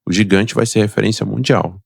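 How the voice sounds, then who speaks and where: A man's voice: fairly low pitch, fairly even intonation, fairly quick, gravelly, husky, no room sound, studio quality. A middle-aged man with a Brazilian Portuguese accent, a podcast guest telling his life story in an emphatic, motivational way and acting out the voices of people in it. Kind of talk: personal storytelling in a podcast interview.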